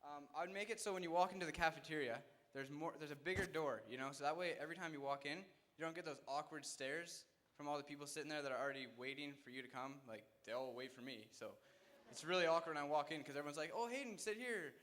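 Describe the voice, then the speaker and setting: A man's voice: on the high side, quick pace, fairly bright tone. A young man giving a rambling, mock-earnest joking answer as a pageant contestant. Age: teen or young adult.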